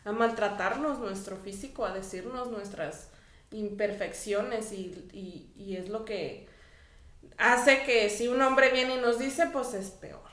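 A woman co-hosting a casual chat, unhurried and agreeable, adding reflective remarks. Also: mid-range voice, fairly bright tone. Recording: echoey room.

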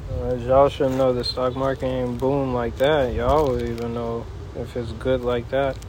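A man hosting a casual solo podcast outdoors in a backyard, rambling in a folksy way and pausing mid-thought. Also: mid-range voice, level tone, a little mellow. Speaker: podcast host. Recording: noisy outdoor backyard, wind and ambience.

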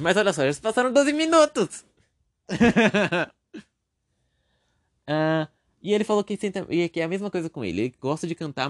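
Rambling young Brazilian podcast host. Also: male voice, fairly high pitch. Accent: Brazilian Portuguese. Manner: rambling, self-deprecating, jokey asides. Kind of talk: casual solo podcast monologue.

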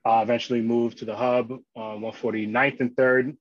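A man's voice: medium pitch, little pitch movement, moderate pace, dry recording, dull audio. New man, dry sound. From Queens and Long Island, New York. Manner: informal, peppers talk with "you know" and "right?". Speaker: interview guest, social worker in schools. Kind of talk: casual conversational interview.

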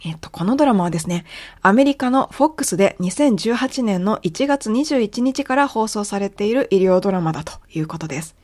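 A woman whose native language is Japanese, hosting an English lesson podcast, explaining and slowly modeling English phrases. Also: mid-range voice, lively intonation, a little mellow. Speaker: English teacher.

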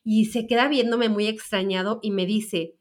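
A woman's voice: medium pitch, steady tone, moderate pace. A woman in her forties with a Mexican accent, chatting through a personal story and speaking to her audience about feminine energy. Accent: Mexican Spanish. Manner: chatty, with frequent fillers and restarts. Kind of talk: casual storytelling monologue to an audience.

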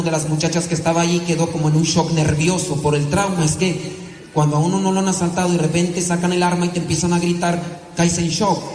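A high-voiced Mexican priest preaching with a Mexican Spanish accent, asking rhetorical questions and laughing lightly between points. His voice rings through an echoey room with a long reverb tail. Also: darkish tone, slight background noise. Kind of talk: sermon.

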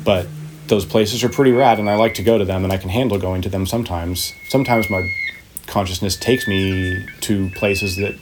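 A man's voice: low voice, steady tone, moderate pace, over music, rough recording. A man talking informally and slangily in a casual philosophical conversation.

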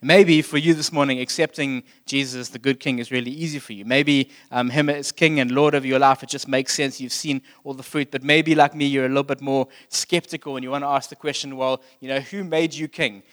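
A man's voice: mid-range voice, fairly even intonation, a little fast, few pauses, a bit bright. A man delivering a sermon as pastor, speaking in a casual, plainspoken way and asking his listeners direct questions. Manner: conversational, plainspoken preaching.

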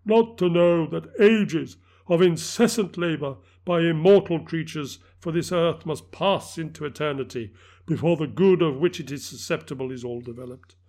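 A man's voice: a little high, normal speed, a little mellow, pitched above the performer's own voice. A man voicing the anguished ghost of a dead miser, wailing and declamatory.

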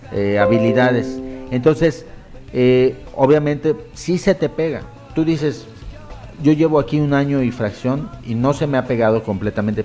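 A man's voice: medium pitch, a little mellow. A man from Mexico with a Mexican accent, in his thirties, hosting a casual interview in a playful, joking way. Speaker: host.

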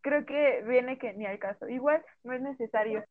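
Woman co-chatter, higher voice, tinny dry phone sound, animated quoting. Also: normal speed, no echo. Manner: talkative, acts out quoted remarks. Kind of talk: casual chat.

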